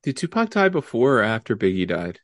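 A man's voice: mid-range voice, sing-song, no room sound. Young podcast guy ribbing his cohost, bouncy up and down voice, dry close mic. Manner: teasing, quick interjections. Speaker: podcast co-host. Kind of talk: casual chat.

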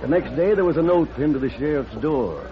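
A man's voice: fairly high pitch, big pitch swings, fairly quick, crowd noise. An actor playing a blunt, knowing saloon barman in a vintage radio western, folksy and challenging. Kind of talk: 1940s radio western acting. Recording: dull vintage radio recording.

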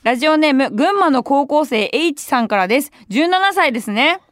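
A woman's voice: sits high, expressive, normal speed, a bit bright, no room sound. A young adult woman hosting a radio show, telling a story in a chatty way with wry asides from a studio microphone. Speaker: radio host. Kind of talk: casual radio talk.

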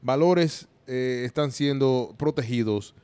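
A man's voice: mid-range voice, slow pace, darkish tone, smooth, no echo. A man hosting a casual podcast chat, joking and talking over the others with repeated words. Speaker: podcast host.

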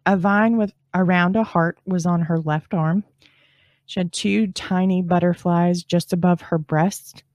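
A woman hosting a true crime show, narrating in a grave, suspenseful storytelling manner with deliberate, emphatic phrasing. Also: lowish voice, steady tone, a little mellow, dry recording. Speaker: true crime podcast host. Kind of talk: true crime narration, partly scripted with spoken asides.

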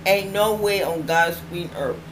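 A woman's voice: fairly low pitch, measured pace. A middle-aged woman with toothless, slightly slurred speech, chatting casually and ramblingly as she hosts her own online show, often repeating phrases for emphasis. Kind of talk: casual vlog chat. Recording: clearly noisy home recording.

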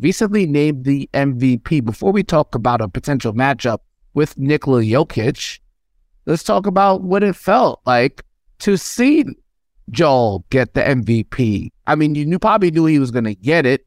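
A man's voice: mid-range voice, no room sound, clean studio sound. A man hosting a sports podcast who asks questions in a friendly, casual way with frequent fillers and restarts. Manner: friendly interviewer, halting with fillers. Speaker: podcast host.

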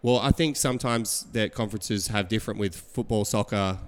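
Male podcast host, animated storyteller, smooth tone, reverberant room. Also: fairly low pitch, a little fast. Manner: animated storyteller, acts out quotes. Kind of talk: casual chat.

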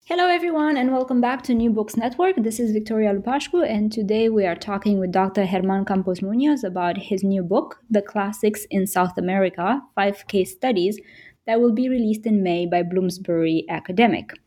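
Friendly, halting woman podcast host. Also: mid-range voice, dark tone. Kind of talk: podcast interview.

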